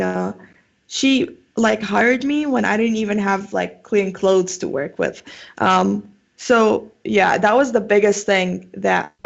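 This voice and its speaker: A young Syrian woman with a Syrian Arabic accent chats casually as an interview guest, filling her speech with lots of "like" and "um." Her mid-range voice carries some vocal fry, and the sound is lo-fi.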